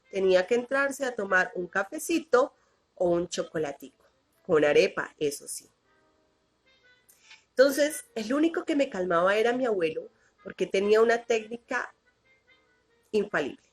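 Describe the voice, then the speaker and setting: Lady telling a kids story, husky voice, faint music under it, really expressive. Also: mid-range voice. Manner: expressive, animated, drawn-out repetitions. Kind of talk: children's storytelling.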